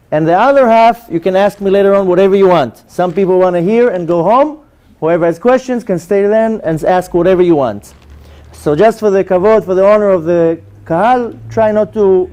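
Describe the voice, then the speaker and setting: This is a high-pitched man in his forties, a native Hebrew speaker with an Israeli accent. Working as a religious lecturer, he shares an informal, animated personal testimony.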